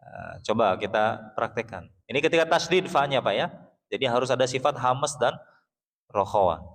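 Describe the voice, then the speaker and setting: A man from West Java with a Sundanese accent, teaching Quran recitation in a mosque. He patiently explains how the letters sound, then chants verses slowly for the class to repeat, and often clears his throat. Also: medium pitch, lively intonation. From Sundanese region of West Java, Indonesia. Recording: long reverb of a mosque hall.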